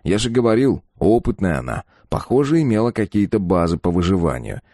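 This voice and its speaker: A man narrates a first-person audiobook in a very low, dark voice. He tells it gruffly and bluntly, matter-of-fact. The recording is dry and close, with no room sound. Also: sing-song, fairly quick, dry recording. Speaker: audiobook reader.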